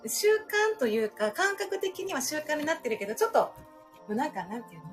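A woman with a Kansai accent co-hosting a casual chat, animated and chatty. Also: high-pitched, quick pace, soft background music. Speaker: co-host.

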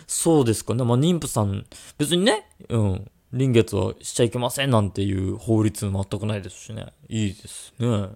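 A man's voice: lowish voice, lively intonation, moderate pace, vocal fry, darkish tone. A man co-hosting a radio-style podcast, chatting casually and teasing his co-host with jokes. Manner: teasing, joking banter.

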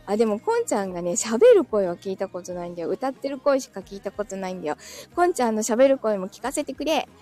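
A woman's voice: medium pitch, very animated, fast talker, warm tone. A woman hosting a casual livestream, chatting with listeners, reading their comments aloud and laughing often.

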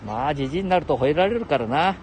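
A man's voice: a little high, animated, rapid-fire, a little mellow, a little hiss or hum. Chatty older man with a regional dialect. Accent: Nagoya-area Japanese dialect. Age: 70s. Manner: chatty, laughs often, talks to himself. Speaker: livestream host. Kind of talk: rambling solo livestream chat.

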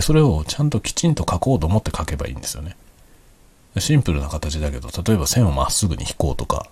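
A middle-aged man chatting casually and quietly, as if late at night, in an easygoing, explanatory way. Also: slightly rough. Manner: speaks quietly in a hushed, low night-time voice. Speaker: hobby vlogger.

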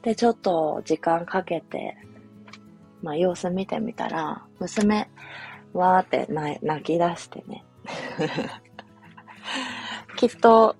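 A young woman, a mother, telling a personal family story in a soft, reflective, casual way with many fillers. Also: lowish voice. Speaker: podcast host, mother. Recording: faint music behind.

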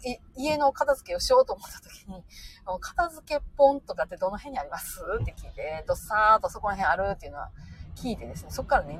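A middle-aged woman from Osaka and Nara with a Kansai accent, talking off the cuff on a livestream in a rapid, chatty way. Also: sits high, slight background noise. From Osaka-born, raised in Nara. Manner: rapid chatty machine-gun talk. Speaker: livestream host. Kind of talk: unscripted livestream talk reading comments.

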